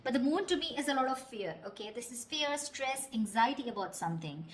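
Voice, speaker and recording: A tarot reader with a rather high-pitched voice speaks directly to the listener in a casual, conversational spoken reading. She's blunt and unfiltered, letting some swearing slip, and sounds animated and a bit quick.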